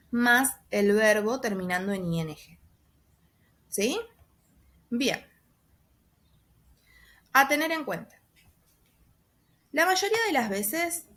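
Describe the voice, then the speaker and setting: Slow, patient woman teacher. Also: on the high side. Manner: slow and patient, checks understanding with a soft "¿sí?" after each step; spells out letters and stretches example sentences. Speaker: English teacher. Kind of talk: recorded class explanation.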